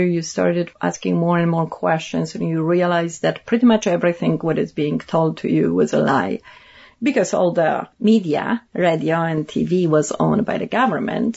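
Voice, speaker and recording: A middle-aged Polish woman with a Polish accent speaks earnestly as a guest in an interview, repeating points for emphasis. Her voice sits on the low side, darkish in tone with vocal fry, and the recording sounds dull and lo-fi.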